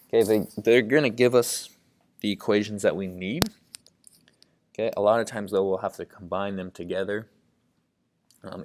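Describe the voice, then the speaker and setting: A man's voice: on the low side, background noise. A man explaining math problems step by step, thinking aloud and saying "okay" at nearly every step. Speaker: math tutor. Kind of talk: lesson narration while writing.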